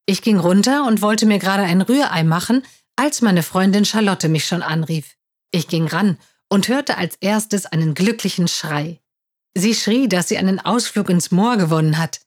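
A woman narrating a story in German as a storybook reader, lifting her voice for the quoted lines. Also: mid-range voice. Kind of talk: reading a school story aloud.

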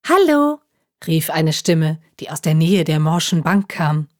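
A woman's voice: low-pitched, little pitch movement, measured pace, darkish tone, no room sound, clean studio sound. Woman reading a children's story. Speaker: children's podcast narrator.

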